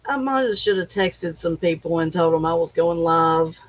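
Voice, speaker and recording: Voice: mid-range voice, lively intonation, normal speed, no room sound. A live-stream host chatting casually with a lone viewer, laughing often and fighting the hiccups. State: has the hiccups. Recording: dull lo-fi stream audio.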